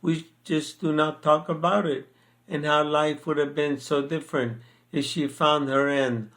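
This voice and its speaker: An older man speaks slowly, with a voice pitched a touch high for a man. He chats casually and reads his own poem, often stopping for fillers and restarting his sentences. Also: fairly even intonation, a bit bright. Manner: slow, hesitant with many fillers. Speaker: poet sharing his poems. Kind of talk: casual chat and poem reading.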